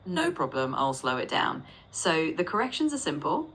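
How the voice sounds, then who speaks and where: A synthetic female voice acting as a patient English tutor, gently correcting and repeating sentences. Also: low voice, sing-song, moderate pace, slight background noise, rough recording. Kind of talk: conversational language tutoring.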